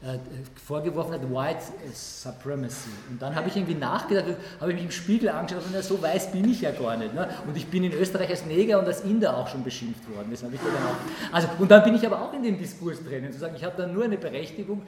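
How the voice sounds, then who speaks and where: Fielding audience questions at an indoor public event, this Austrian lecturer talks off the cuff in a fairly high, expressive voice, repeatedly stopping and rephrasing as he corrects himself. A crowd can be heard behind him, and the room is echoey with noticeable background noise.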